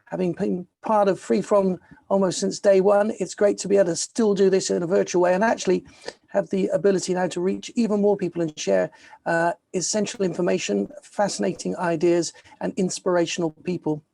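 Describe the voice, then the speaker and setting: Man, festival host, gravelly, mellow voice, upbeat intro. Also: high voice, level tone, fairly quick. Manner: upbeat, with filler ums and uhs. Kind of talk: virtual event introduction.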